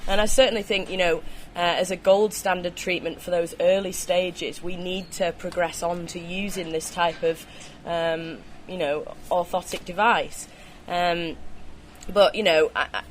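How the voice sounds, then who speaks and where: Female interview guest, lowish voice, chatty explanatory answers, recorded out on a ski slope with faint noise. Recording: noisy outdoor recording with ambient sound.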